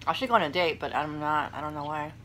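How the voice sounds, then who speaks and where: She's a young adult vlogger hosting a mukbang, talking fast in a low-pitched, fairly bright voice as she eats. Her casual chat rambles through stories laced with self-deprecation, set against clear background room noise.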